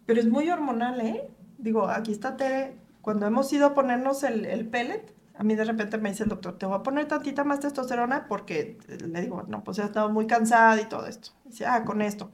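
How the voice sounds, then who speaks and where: A woman's voice: fairly high pitch, fairly quick. A woman chatting casually, explaining things through her own experience. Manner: explanatory, personal storyteller. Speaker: podcast co-host. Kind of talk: casual group chat.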